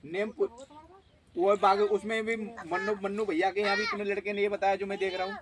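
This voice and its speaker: A man with a high voice gives firm spiritual advice to a visitor. He talks in an assertive, insistent way, and often stops to check he is understood. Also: level tone, fairly quick, a crowd in the background. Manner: assertive, repeats "guarantee" and checks "ठीक है?". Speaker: faith healer at a shrine. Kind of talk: advising a visitor.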